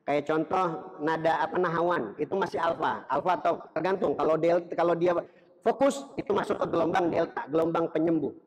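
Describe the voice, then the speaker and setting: A man's voice: a little high, fairly even intonation, a little fast. A man giving a religious lecture in a mosque, talking conversationally to the audience and breaking into chanted Quran recitation to show melodies. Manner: conversational, addresses the audience directly. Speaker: Islamic preacher. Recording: long reverb of a mosque hall.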